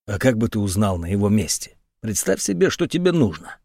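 A man doing a calm, quiet monk. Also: lowish voice, brisk, vocal fry, no echo, studio quality, pitched below the performer's own voice, heavily acted. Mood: measured. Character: calm, thoughtful male monk, sleuthing partner.

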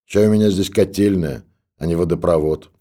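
Male narrator as a gruff, scolding stoker with a low, dark voice. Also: a little fast. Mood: stern. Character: gruff old stoker in a monastery.

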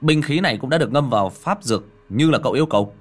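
A man voicing an eager middle-aged prefect in an audiobook, speaking in a hurried, forceful, formal way. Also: medium pitch, lively intonation, voice pushed up, close to an everyday voice. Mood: awkward, earnest. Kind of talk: audiobook character acting.

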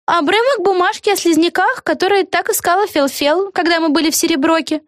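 A woman's voice: very high-pitched, fairly quick, dry recording, studio quality, voice pushed up. A woman voicing a cheerful, scatterbrained young witch girl in a storybook reading, bubbly and sing-song. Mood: cheery.

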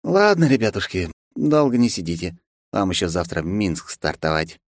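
A man voicing a cheerful, practical man who gives brisk instructions. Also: low-pitched, big pitch swings, no echo, clean studio sound. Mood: friendly.

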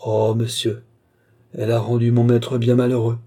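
A loyal, curt old housekeeper woman in a storybook, answering in short, dry replies, as a man reads her lines. The voice is dark and husky, close to the reader's own. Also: medium pitch, monotone, normal speed, lightly acted.

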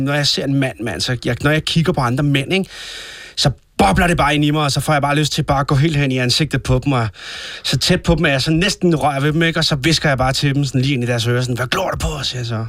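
Guy playing a blustering crude tough guy, kinda high pitched, keeps going "right?". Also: fairly bright tone, no echo, studio quality, natural voice. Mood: boastful. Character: crude violent male thug in denial. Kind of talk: comedy sketch acting.

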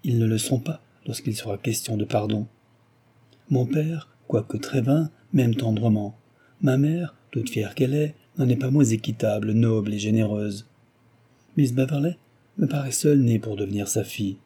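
A man's voice: mid-range voice, normal speed, warm tone, slightly rough, natural voice. A man voicing an ardent, passionate young suitor in an audiobook, pleading with energy. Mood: impassioned. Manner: impassioned, pleading.

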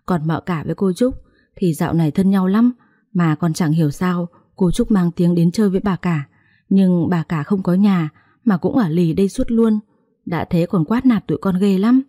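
Woman doing a worried chatty young housemaid, gossipy, low mellow voice, storybook drama. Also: normal speed, no echo, studio quality, natural voice.

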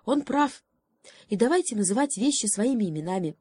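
A woman's voice: fairly high pitch, animated, brisk, mellow, husky, no room sound, clean studio sound, voice pushed up. A woman voicing a blunt, sensible hedgehog who speaks matter-of-factly.

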